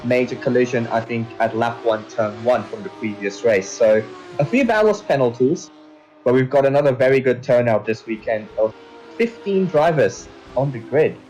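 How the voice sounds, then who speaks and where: A man from India doing casual commentary on an online racing event as the host, chatty and quick to laugh. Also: mid-range voice, animated, darkish tone, faint music behind, poor audio. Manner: chatty, laughs often, addresses co-host as mate. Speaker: race commentator.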